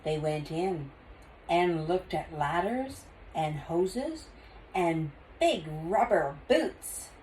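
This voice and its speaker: An older woman reading a children's storybook aloud in an expressive grandmotherly way. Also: fairly low pitch, extremely slow, slight background noise, low-quality recording.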